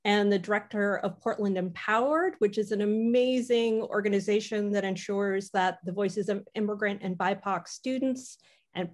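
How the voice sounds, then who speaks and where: A woman co-host introduces a guest on a video call, enthusiastic and full of praise. Her voice sits in a middle range and her delivery is easy and casual. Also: medium pitch. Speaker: event co-host.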